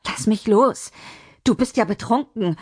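A woman's voice: a little high, expressive, measured pace, breathy edge, voice pushed up. A woman doing a small, fiery, scolding woman. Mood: frightened commanding. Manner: loud, scolding, strong-voiced. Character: small fiery middle-aged woman, sharp-tongued.

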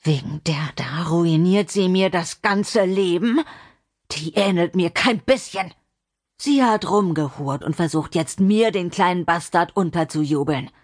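A woman voicing a drunk, violent middle-aged man who snarls and hisses slowly in an audiobook. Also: on the low side. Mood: menacing. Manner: snarling, hissing, slow and menacing.

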